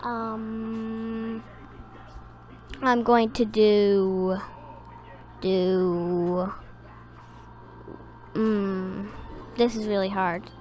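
A woman's voice: medium pitch, little pitch movement, drawn-out words, long pauses, darkish tone. A woman giving casual, rambling gameplay commentary, hesitating with many ums. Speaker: gaming video creator.

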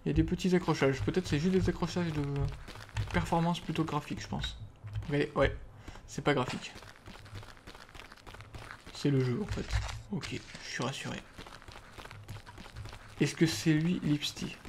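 Man, game commentary, casual and joking, slightly high pitch, faint background noise. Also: fairly even intonation. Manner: joking, reads game text aloud haltingly. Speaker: let's play host.

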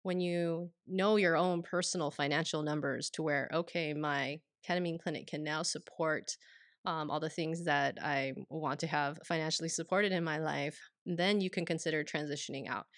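A woman's voice: low-pitched, dry recording, clean studio sound. A woman in her thirties co-hosting a podcast, talking casually and rambling with many fillers. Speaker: podcast co-host, clinic owner. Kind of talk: casual explanatory podcast talk. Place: small quiet room, indoors. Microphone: studio mic on stand, headphones.

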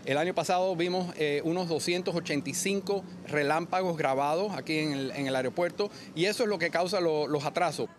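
A middle-aged man interviewed in a busy airport terminal, speaking haltingly with many fillers and restarts. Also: on the high side, a little hiss or hum. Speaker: airport spokesman.

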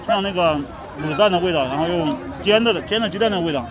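Male street-vlog host, 30s, chatty, quick delivery, busy outdoor crowd behind him. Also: sits high, background noise. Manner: chatty, questioning. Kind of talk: casual street vlog chat with vendor-style hawking.

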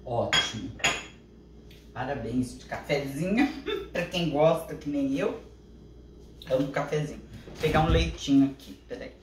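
A woman's voice: low-pitched, unhurried, pauses often, far from the mic, slight background noise. An older woman with a Brazilian Portuguese accent chatting casually to viewers in her home kitchen in a homely way. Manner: chatty and homely, talks to viewers while cooking. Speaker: vlogger. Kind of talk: casual home vlog chat. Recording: roomy home echo.

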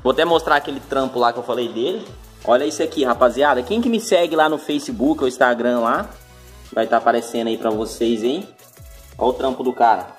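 A man's voice: medium pitch, a little fast, faint music behind. Laid-back Brazilian man hosting a vlog. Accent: Brazilian Portuguese. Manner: laid-back, slangy, keeps addressing the viewers. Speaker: channel host. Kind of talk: casual chat.

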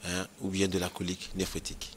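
A man's voice: sits low, monotone, fast talker, slight background noise. A man, a nephrologist explaining kidney stone prevention in a health interview, repeating key points and checking that he is understood.

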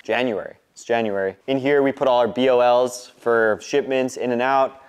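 Casual vlog host: American man in his twenties, clear resonant voice, informal walkthrough delivery. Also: mid-range voice, flat delivery, moderate pace. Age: 20s. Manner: informal, mildly profane. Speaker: host giving a warehouse tour. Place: large concrete warehouse and upstairs office, indoors.

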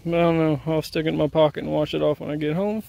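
A man's voice: a little high, little pitch movement, fast talker, vocal fry, warm tone. A man casually narrating an outdoor arrowhead hunt in a crop field, easygoing and self-deprecating, recorded on a handheld camera. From Indiana. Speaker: arrowhead hunter filming his finds. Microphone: handheld camera mic.

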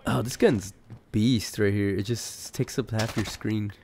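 Unhurried and rambling, a gaming commentator speaks in a low, gravelly voice that sounds ill. He clears his throat often and swears without restraint over a steady background hiss.

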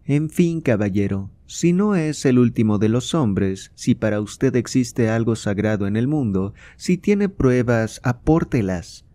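A man's voice: medium pitch, lively intonation, measured pace, few pauses, warm tone, no room sound, close to an everyday voice. A man reading aloud, voicing a proud and indignant queen with a raised, fervent, declamatory delivery. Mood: scornful.

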